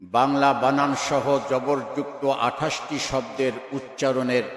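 A man teaching Quran reading, spelling out syllables slowly in a chanted, sing-song drill. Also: mid-range voice, level tone, a bit bright. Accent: Bangladeshi Bengali. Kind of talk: slow chanted letter drill. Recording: roomy echo with long reverb.

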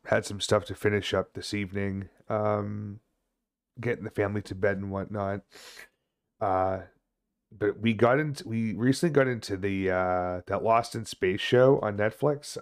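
A man in his thirties chatting casually on a game livestream, rambling haltingly and swearing now and then. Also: on the low side, clear, resonant tone. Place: small indoor home room.

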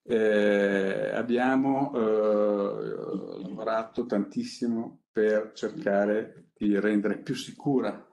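A middle-aged man presenting a project on a panel, speaking off the cuff in a halting, conversational way with frequent pauses. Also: lowish voice, fairly even intonation, vocal fry, a little mellow. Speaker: company innovation director presenting a project. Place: conference room seated at a panel table. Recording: echoey conference room.

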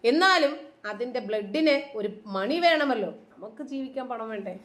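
A woman delivers opinionated commentary in a high, piercing voice. She is combative and sarcastic, pressing each point with emphasis. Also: lively intonation, measured pace, fairly bright tone.

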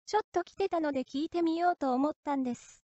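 A woman voicing a creepy, unsettling man who talks to himself, rough and menacing in tone. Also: sits high, fast, mellow, no echo, dull audio, natural voice. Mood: apologetic. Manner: rough, menacing, then suddenly polite.

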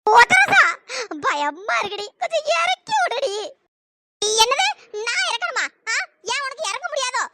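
A woman's voice: big pitch swings, unhurried, exaggerated voice. A woman voicing a group of squabbling village women in a cartoon, all whiny scolding banter. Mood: bickering. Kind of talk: cartoon voice acting. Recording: noisy pitched-up processed voice.

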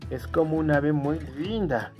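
A man's voice: a little high, lively intonation, measured pace, mellow. A man hosting a casual toy unboxing for viewers. He bursts into delighted exclamations and is fond of cute diminutives. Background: background music.

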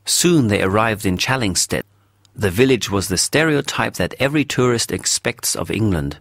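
A man narrating a story for English learners in a measured, clear storytelling voice. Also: on the low side, expressive, fairly bright tone, no echo, clean studio sound.

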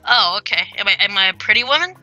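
A man chats through a gender swap voice filter that turns his voice into a high, very bright woman's voice. He plays around, teases his friends and now and then bursts into shrill yelling. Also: animated, fast talker, dry recording, faint music behind, poor audio. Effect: gender swap voice filter making him sound like a woman. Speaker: gamer. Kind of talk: casual chat while playing a game.

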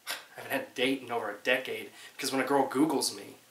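A man acting a bitter framed guy, young, American, dramatic monologue, forceful edgy voice, defensive, echoey room. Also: medium pitch, lightly acted. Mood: bitter, indignant. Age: 20s. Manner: defensive, emphatic, swearing, halting. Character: bitter, aggrieved man who says he was framed. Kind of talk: dramatic monologue, naturalistic audition-style acting. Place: small plain indoor room. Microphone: camera mic a few feet away. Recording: roomy home recording with hiss.

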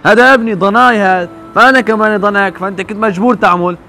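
A man's voice: sits high, steady tone, quick pace, sharp tone, slight background noise. A man playing a brusque, impatient grown son. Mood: dismissive. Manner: curt and dismissive. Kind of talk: amateur street drama acting.

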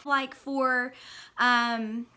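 High-voiced giggly woman unboxing. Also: very slow, background noise. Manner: excitable, giggly, gushing exclamations; mutters softly to herself while unboxing. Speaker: channel host. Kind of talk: casual unboxing vlog.

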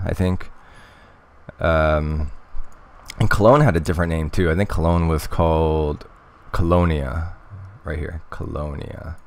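Very deep-voiced man casually chatting. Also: dry recording. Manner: rambling, hesitant, lots of fillers and restarts. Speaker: host of a history news channel. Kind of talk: casual commentary reading articles.

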